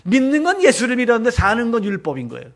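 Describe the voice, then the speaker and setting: A middle-aged man preaching a Sunday sermon as pastor, animated and joking, often mimicking other people's voices. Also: very high-pitched, racing. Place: church sanctuary.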